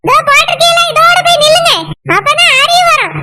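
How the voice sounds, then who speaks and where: A woman voicing an aggrieved, sharp-tongued village wife and mother in a cartoon, speaking with a Kanyakumari Tamil accent in a bitter, complaining way. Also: very high-pitched, brisk. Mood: scolding. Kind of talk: cartoon voice acting. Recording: loud background noise.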